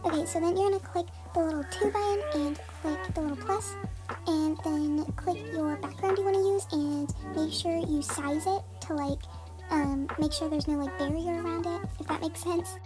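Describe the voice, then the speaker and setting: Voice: fairly even intonation, normal speed, music in the background. A tutorial host speaking through a voice changer that disguises their voice, chatty and full of "like" and "um". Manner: chatty, many "like" and "um" fillers. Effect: voice changer disguising the voice, pitched very high. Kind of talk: casual step-by-step tutorial.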